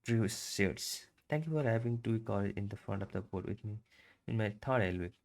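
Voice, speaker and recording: A man reading a book aloud for his channel, in a halting, stumbling way with restarts. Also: fairly low pitch, darkish tone.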